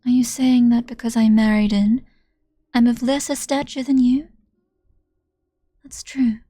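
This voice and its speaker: A woman's voice: fairly high pitch, a little slow, mellow, breathy edge. A woman voicing a cruel, mocking young woman who taunts and laughs, reading a visual novel aloud. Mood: gleeful.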